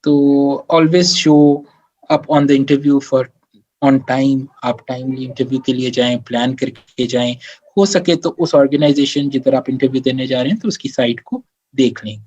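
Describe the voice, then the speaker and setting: A man at a middle pitch coaches his listeners on professional conduct. He explains patiently, slips English phrases into his sentences and keeps asking "theek hai". The audio sounds dull and lo-fi. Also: steady tone, unhurried, a little mellow. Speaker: career advisor. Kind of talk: live Q&A workshop talk.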